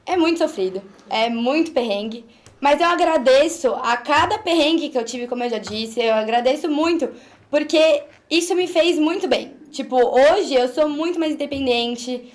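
A woman's voice: high-pitched, moderate pace. A young woman, chatting casually as a guest and rambling a bit. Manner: rambling, loses her train of thought. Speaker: podcast guest. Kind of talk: casual chat.

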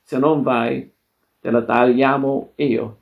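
A man reading aloud the lines of a quick-tempered adventurer, sounding exasperated. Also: medium pitch, fairly even intonation, gravelly, narrow, tinny audio. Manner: shouting, exasperated.

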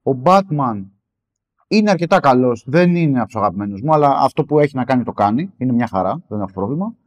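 A man co-hosting a casual film discussion podcast, hesitant, with many fillers and lively jumps in pitch. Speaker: podcast co-host.

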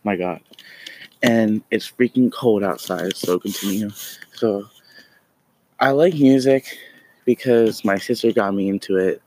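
A man's voice: deep voice, darkish tone, rough recording. A man chatting casually and enthusiastically to camera outdoors, rambling and repeating himself as he talks. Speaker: vlogger. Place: outdoors in the cold, street traffic nearby.

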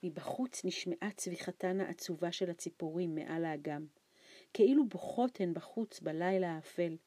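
A woman narrating a children's storybook aloud in a calm, measured reading voice. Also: on the low side, dry recording. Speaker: audiobook narrator.

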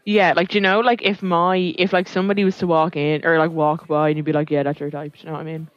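A woman's voice: deep voice, level tone, fast, no echo. Young girl chatting on a podcast, candid and sweary, dry muffled sound. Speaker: podcast co-host. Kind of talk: casual chat. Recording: dull lo-fi podcast audio.

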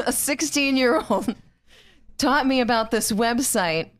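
A woman's voice: on the high side, slow pace, no echo. A woman in her twenties co-hosting a podcast, bubbly and giggly, poking fun at herself. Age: 20s. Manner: bubbly, giggly, self-deprecating. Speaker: podcast co-host. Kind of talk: casual podcast chat.

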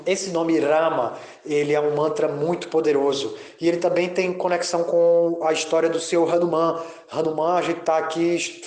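A man giving a devotional audio talk as a spiritual teacher, speaking haltingly and drawing out chanted mantras. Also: fairly high pitch, darkish tone, reverberant.

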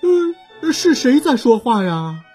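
A woman's voice: a little high, big pitch swings, slow, warm tone, faint music behind, voice pushed up. A woman voicing a kind, brave giraffe in a children's story, earnest and friendly. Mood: curious.

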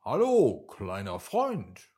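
A huge, kindly whale, as a male storyteller puts him on, cheerful and reassuring. He speaks unhurried, with a husky warmth, his pitch swinging widely. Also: huge pitch swings, full character voice. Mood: friendly. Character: big friendly whale, cheerful and kind.

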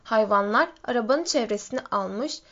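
Woman, audiobook narration, fairly high voice, dull lo-fi sound. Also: moderate pace. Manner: steady storytelling, lifts pitch for shouted quotes. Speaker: audiobook reader. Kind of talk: scripted narration. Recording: dull lo-fi recording.

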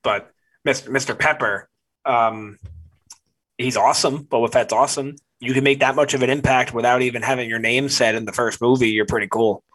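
Excitable young man with stammering restarts. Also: medium pitch, fairly quick. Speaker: podcast co-host. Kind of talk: casual podcast chat.

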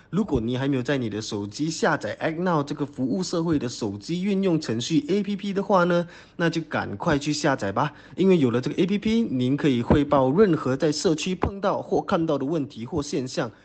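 A man's voice: fairly high pitch, a little mellow. A man reading a promotional announcement in an upbeat way. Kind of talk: read station announcement.

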